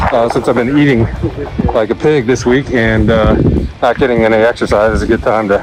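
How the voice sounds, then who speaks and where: A man's voice: mid-range voice, level tone, brisk, rough recording. Winded man vlogging, with music behind. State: a little out of breath. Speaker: motorcycle content creator. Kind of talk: casual vlog talk to camera.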